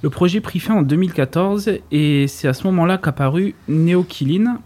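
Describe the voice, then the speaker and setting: A man's voice: on the high side, normal speed, mellow. A man on a radio talk show reading a prepared segment with dry ironic humor, joining in the chat between passages.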